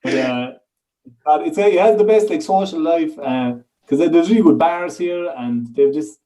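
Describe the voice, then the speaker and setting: A man's voice: a little high, moderate pace, warm tone, poor audio. A man with an Irish accent chatting casually as a guest, colloquial and sweary. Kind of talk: casual chat.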